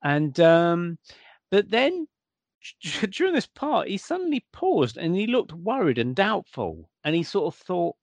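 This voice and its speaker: British man telling a lively story, dry sound. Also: sits high, unhurried, no echo. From United Kingdom. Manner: animated anecdote teller who acts out quoted dialogue. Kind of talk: casual conversation, storytelling.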